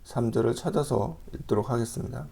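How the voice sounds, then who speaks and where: A man preaching a sermon as pastor, reading scripture aloud and explaining it in a measured way with frequent pauses. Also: medium pitch, gravelly, warm tone, slightly rough.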